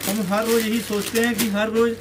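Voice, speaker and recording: A young man pitches wholesale suits in a crowded clothing shop, pushing prices again and again. His voice sits high. Steady noise from the shop floor runs under him. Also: brisk. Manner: persuasive, repeats prices, mixes in Punjabi. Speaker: wholesale suit shopkeeper. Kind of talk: casual sales pitch. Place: indoor clothing shop, stacked shelves.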